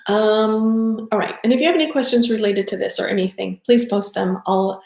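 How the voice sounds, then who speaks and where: Woman, middle-aged, from South Texas, yoga teacher, casual rambling talk, echoey room, mid-range pitch. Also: steady tone, normal speed, vocal fry, darkish tone. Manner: chatty, rambling, frequent ums and self-corrections.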